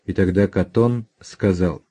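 A man reading a history book aloud as scripted narration, announcing page numbers and footnotes in a measured, even way. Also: sits low, husky. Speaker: audiobook reader.

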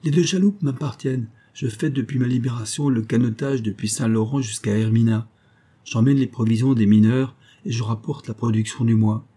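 A man reading the part of a weathered older boatman and former convict, low-voiced, humble and eager to serve. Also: normal speed, mellow, husky, lightly acted. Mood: earnest.

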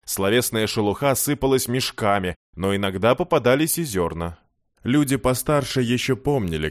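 A man narrates a fantasy audiobook in a lowish voice, even and measured. Irony slips into the telling without breaking its steady pace. The sound is dry and close, with no room around it. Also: no room sound.

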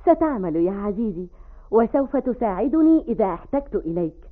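An actress playing a clever young woman, fond and gently bossy toward her boyfriend, in an old radio drama. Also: medium pitch, big pitch swings, fairly quick. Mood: affectionate. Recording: tinny lo-fi old radio recording.

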